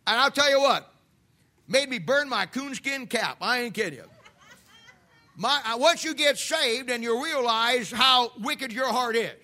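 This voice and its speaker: A man in his fifties preaches to his church in a fervent, folksy way, circling back on his phrases. His voice sits high for a man and comes across sharp and forceful. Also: lively intonation, unhurried. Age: 50s. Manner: impassioned preaching with folksy asides and repetitions. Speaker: pastor. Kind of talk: sermon.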